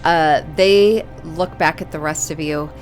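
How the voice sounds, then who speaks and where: A woman running a tabletop role-playing game as game master, narrating in a measured, deliberate way with dramatic pauses. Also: low-pitched, fairly even intonation, faint music behind.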